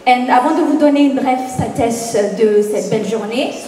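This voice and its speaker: A woman with a Kenyan accent delivers a formal, measured closing summary, now and then correcting herself. Her voice is high and distant from the mic. It carries a very strong echo with a long reverb tail from a large hall. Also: dark tone. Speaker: program manager and moderator.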